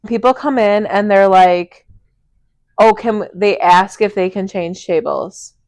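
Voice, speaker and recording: A blunt woman in casual podcast talk who swears freely and leans on filler words. Her pitch is in a middle range. The recording is dry and close, with no room sound. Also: slow pace, a little mellow, dry recording. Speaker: podcast co-host. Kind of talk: casual chat.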